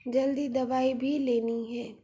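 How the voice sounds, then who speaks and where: A woman voicing a gentle, caring mother in a spoken story, with a soothing, patient manner. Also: high voice, flat delivery, slow. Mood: tender.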